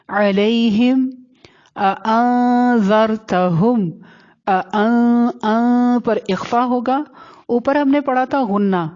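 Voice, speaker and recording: A woman's voice: fairly high pitch, darkish tone. Patient woman teaching recitation, lo-fi sound. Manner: patient, checks understanding, slowly chants example words. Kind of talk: explaining recitation rules to students.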